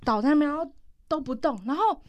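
A woman tells a story in a casual chat, animated and full of fillers and laughter. Her voice sits a little high and swings widely in pitch. The sound is dry and close, with no room echo. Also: quick pace, highs cut off.

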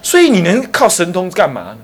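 A man's voice: high-pitched, fairly quick, slightly rough. A man with a Taiwanese Mandarin accent, a Buddhist abbot giving a dharma lecture and acting out the dialogue in his stories. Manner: animated storytelling, acting out dialogue between characters. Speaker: Buddhist abbot teaching a class.

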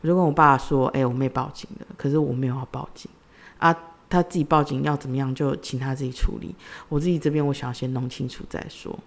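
A woman's voice: extremely low pitch, fairly even intonation, quick pace. A woman, hosting a podcast and telling a personal story in a conversational way, retelling the dialogue in her own voice. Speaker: podcast host.

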